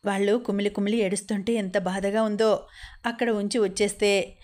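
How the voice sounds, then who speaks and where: A woman's voice: mid-range voice, steady tone, darkish tone, natural voice. A woman reading the part of an affectionate, teasing man talking on the phone, in an audiobook. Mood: weary. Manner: teasing, quick and fond. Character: man, playful affectionate husband-to-be.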